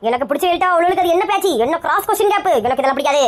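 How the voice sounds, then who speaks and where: A woman's voice: lively intonation, very fast. A woman with a Kanyakumari Tamil accent playing a touchy, bald, middle-aged village woman who nags and bickers. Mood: indignant. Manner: shrill, nagging, bickering.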